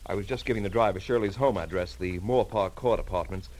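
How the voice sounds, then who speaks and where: In a noisy vintage recording of a 1940s radio drama, a man plays an anxious, polite bridegroom who is worried and fretful. His lowish, darkish voice moves fairly quickly as he hesitates and stammers in a formal manner.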